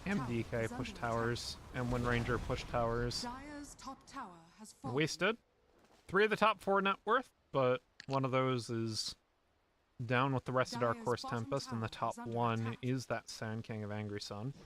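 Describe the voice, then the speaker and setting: A man's voice: medium pitch, animated, unhurried, a crowd in the background. A man giving live play-by-play commentary on a video game match as an esports caster.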